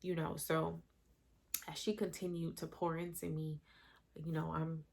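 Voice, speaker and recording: A woman's voice: sits low, little pitch movement, measured pace, creaky, a little mellow. A woman in her thirties telling a candid, emotional personal story in a conversational vlog. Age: 30s. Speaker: vlogger.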